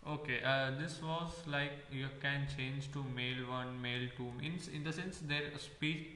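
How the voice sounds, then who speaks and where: A man teaching a coding tutorial, pausing often with fillers as he explains step by step. His voice is bright and crisp. It rings out in a roomy space with a long reverb tail. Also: medium pitch, fairly even intonation, slight background noise. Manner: halting, with many "uh" fillers while explaining. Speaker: coding instructor. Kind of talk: screen-recorded coding tutorial. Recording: echoey room with long reverb.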